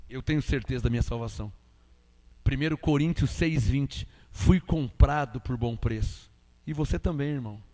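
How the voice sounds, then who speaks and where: A man preaching an emphatic sermon with a Brazilian Portuguese accent, asking rhetorical questions and swinging between loud and quiet. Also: medium pitch, moderate pace, long reverb tail.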